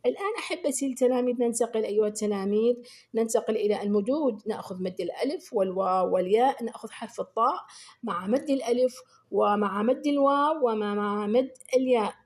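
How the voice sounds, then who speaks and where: A woman teaching beginners and speaking to pupils. She praises them often and draws out the example words slowly and clearly. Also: fairly high pitch, darkish tone. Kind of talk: children's lesson addressing pupils.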